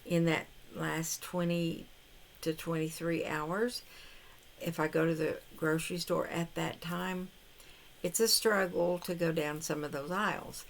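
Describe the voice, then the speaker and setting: A woman's voice: deep voice, steady tone, measured pace, gravelly. An older woman vlogging casually to camera, rambling and hesitant, with frequent restarts. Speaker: vlogger on a carnivore diet challenge. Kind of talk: casual talking-to-camera vlog.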